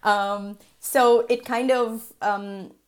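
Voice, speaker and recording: A woman's voice: fairly high pitch, fairly even intonation, very slow. A woman from Singapore, a guest on a podcast interview, talking in a chatty way with fillers and frequent laughs.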